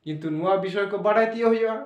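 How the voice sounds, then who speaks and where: A male teacher with a notably high voice steps through a lesson, spelling out letters one by one and putting questions to the class that he then answers himself. He sits back from the microphone, so the sound is thin and distant, and it rings around an echoey room. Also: racing, muffled recording. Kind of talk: classroom-style lesson explanation. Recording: echoey room, voice away from mic.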